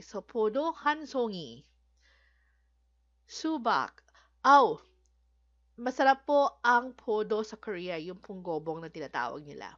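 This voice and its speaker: A woman's voice: fairly high pitch, a bit bright, muffled recording. A woman from the Philippines teaching a language lesson, patiently repeating each word and speaking politely. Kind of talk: Korean vocabulary lesson in Filipino.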